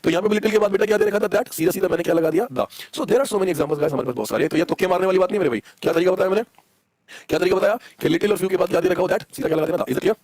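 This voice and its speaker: A man's voice: a little high, a little mellow, no echo. A young man with an Indian accent teaching a live online English class, coaxing students and spelling words out letter by letter.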